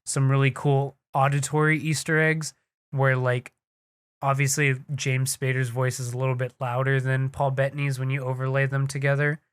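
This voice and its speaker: An excitable young man co-hosts a casual podcast. He talks in quick, eager bursts and swears freely. His voice sits at a middle pitch and sounds close and dry, with no room echo. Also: clear, resonant tone. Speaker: podcast co-host. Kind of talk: casual chat. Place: home studio. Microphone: desk mic on a live stream.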